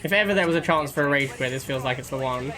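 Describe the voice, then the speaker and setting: A man's voice: mid-range voice, quick pace. A man giving casual live commentary as he streams a game, musing and repeating himself in a conversational way.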